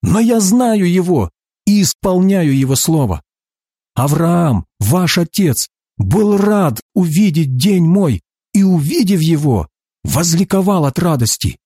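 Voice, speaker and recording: An earnest male teacher speaking with solemn emphasis, as a reader voices him. The voice sits fairly high and moves a lot in pitch, with a dry, close sound. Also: sing-song, takes it slowly, mellow, breathy edge, dry recording, heavily acted.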